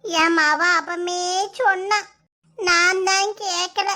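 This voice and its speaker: A dramatic old village mother-in-law with a piercing, very high voice, as a woman acts her out in a cartoon. She scolds loudly and wails with self-pity, in a Kanyakumari Tamil accent. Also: steady tone, takes it slowly, heavily acted. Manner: loud, wailing and self-pitying. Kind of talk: cartoon voice acting.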